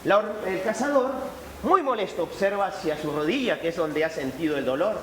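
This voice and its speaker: A storyteller tells a fable to a live audience, animated and expressive. His voice sits high for a man and swings widely in pitch. The sound is echoey, as in a hall, with faint background ambience. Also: fairly quick, a little hiss or hum. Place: event hall at a book fair.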